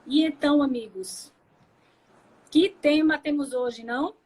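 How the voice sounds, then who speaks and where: A woman's voice: high-pitched, measured pace, darkish tone, low-quality recording. A woman hosting a talk show, asking questions and reacting with enthusiasm. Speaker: host.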